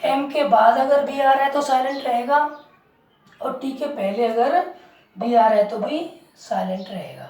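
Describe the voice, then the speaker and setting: A woman teaching a lesson who talks slowly and keeps asking the class questions and repeating the answer. Her voice sits a little high but has a soft, mellow tone. She is recorded from a distance in an echoey room. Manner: slow, repeats words and asks the class questions. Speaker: English teacher. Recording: roomy, distant mic.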